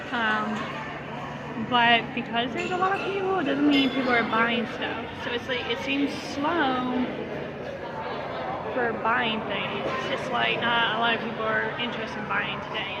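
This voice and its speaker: A woman's voice: a little high, heavy background noise. A woman selling crafts, chatting casually to her vlog from an outdoor market stall with lots of fillers. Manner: chatty, rambling, many "um" and "like" fillers. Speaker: craft vendor and vlogger.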